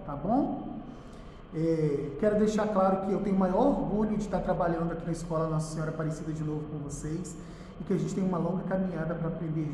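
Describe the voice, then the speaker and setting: A Brazilian man teaching a recorded school lesson in front of a whiteboard, patiently repeating key words slowly and checking in with "tá?". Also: sits high, darkish tone, slight background noise. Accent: Brazilian Portuguese. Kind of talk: recorded online class lesson. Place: classroom with a whiteboard. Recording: echoey room with long reverb.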